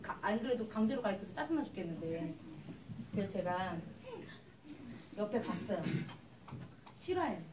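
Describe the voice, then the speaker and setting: Lively woman in an echoey hall. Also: mid-range voice, normal speed, pauses often, background noise. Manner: lively, chatty, acts out customer exchanges. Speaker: cosmetics business presenter. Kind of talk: live seminar demonstration and storytelling. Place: large hall with an audience. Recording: echoey hall recorded from far off.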